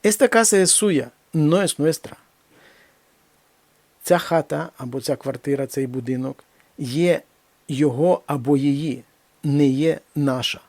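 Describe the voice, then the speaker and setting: Man teaching a language lesson, fairly high gravelly voice, slow careful examples, dry close sound. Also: a little mellow, no echo. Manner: slow, deliberate reading of examples, then explains. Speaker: Spanish teacher.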